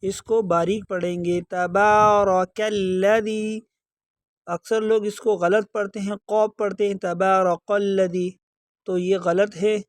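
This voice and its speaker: A man with a high voice teaches recitation, explaining pronunciation patiently and repeating words slowly. The sound is dry and close, with no room echo. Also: flat delivery, darkish tone. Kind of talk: tajweed lesson, explaining then chanting verses slowly.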